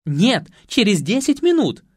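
A man voicing a shrill, bossy middle-aged society lady in an audiobook, scolding and yelling orders. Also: sing-song, a little slow, husky, dry recording, studio quality, heavily acted. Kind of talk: audiobook character voice.

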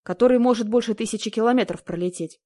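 Wary bearded countryman, slow probing questions, low-toned as read by a woman narrator. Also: mellow, natural voice. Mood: incredulous. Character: tall bearded wary rural man.

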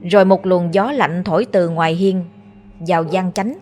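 A woman with a Southern Vietnamese accent narrating a ghost story in a steady, measured way. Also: on the low side, soft background music.

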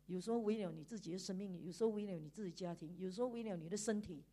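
A woman preaching a sermon in church, animated, with frequent laughter and emphatic sentence endings. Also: medium pitch, very fast.

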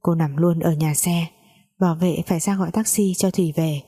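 Warm low-voiced woman narrating a story. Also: steady tone, a little fast, husky.

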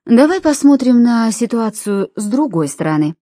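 A woman reading an audiobook, voicing a composed mother of twins who speaks in a measured, quietly strained way. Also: fairly high pitch, very animated, no echo, clean studio sound. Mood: persuasive. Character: tense, composed mother of twins, forcing calm.

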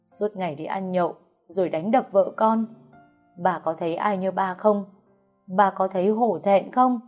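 A woman's voice: medium pitch, a little slow, a little mellow, soft background music, lightly acted. A woman voicing a defiant, desperate young adult daughter in a storybook reading, speaking in raised outbursts.

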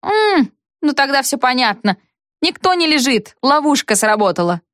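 A woman voicing a brisk, practical woman who speaks in a reproachful, matter-of-fact way. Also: sits high, sing-song, fairly bright tone, no room sound, clean studio sound, pitched above the performer's own voice.

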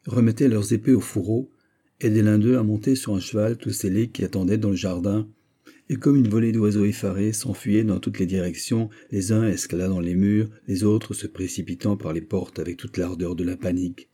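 A man reading a classic novel aloud as scripted narration, measured and steady. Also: lowish voice, breathy edge. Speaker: audiobook narrator.

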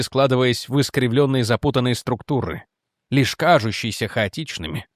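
A man narrating a science fiction novel as an audiobook in an expressive storytelling manner. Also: fairly high pitch, no room sound, studio quality.

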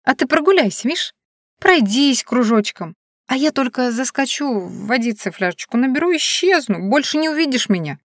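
Young woman heroine read by a woman, frightened, wry, whiny, pleading, high, storybook, dry recording. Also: lively intonation, moderate pace, no echo. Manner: whiny, pleading, higher pitched.

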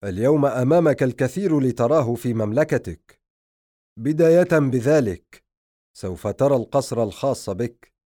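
A man voicing a wise, commanding lion in an audiobook story, speaking in solemn, measured tones. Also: mid-range voice, lively intonation, dark tone, no echo, studio quality, natural voice. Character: wise commanding lion, guardian of dream land.

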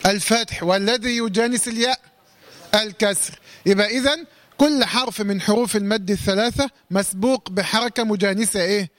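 A man with an Egyptian accent teaching a Quran recitation lesson. He quizzes his listeners, answers his own questions and draws out words slowly to demonstrate them. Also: high voice, a bit bright. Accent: Egyptian Arabic. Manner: slowly drawn-out recitation demos.

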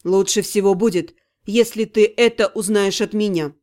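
A woman doing a gentle, soothing male necromancer. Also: fairly even intonation, moderate pace, natural voice. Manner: low, soft and soothing. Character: tender male necromancer, calm and protective.

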